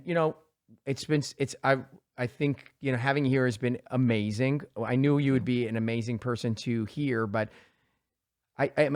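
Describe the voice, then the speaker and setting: A man's voice: mid-range voice, dry recording. A man in his forties hosts a podcast in a direct, earnest way, often restarting his sentences. His voice is recorded dry and close on a studio mic. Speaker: podcast host, surgeon. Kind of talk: casual interview chat. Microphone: handheld studio mic.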